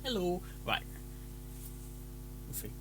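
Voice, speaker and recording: A man talks slowly and casually as a live-stream reactor, stumbling over his words and cutting himself off between rehearsed intros. Heavy background noise sits behind him.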